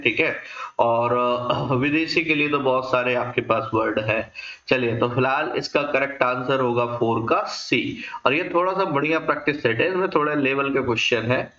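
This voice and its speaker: Teacher drilling vocabulary, echoey. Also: male voice, medium pitch, pushed and bright. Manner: explains in Hindi mixed with English, asks and answers his own questions; frequent checking tags like "thik hai". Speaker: English teacher. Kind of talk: exam-prep vocabulary lesson. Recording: echoey room, dull lo-fi sound.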